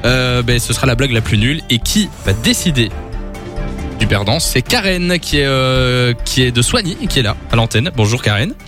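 A man hosting morning radio, mid-pitched and jokey, laughing a lot and filling gaps with hesitations. A light music bed plays behind him. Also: expressive, moderate pace. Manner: joking, laughs often, hesitant fillers. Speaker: radio host.

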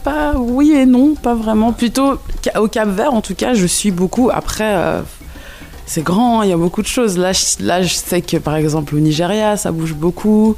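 A woman singer from Switzerland and Cape Verde, answering interview questions in a relaxed, hesitant way with many fillers. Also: medium pitch, moderate pace.

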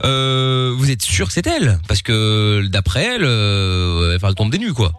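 A man's voice: lowish voice, big pitch swings, normal speed, clean tone, no room sound, studio quality. A man hosting a radio prank call in a hesitant, stammering, mock-polite way. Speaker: radio host.

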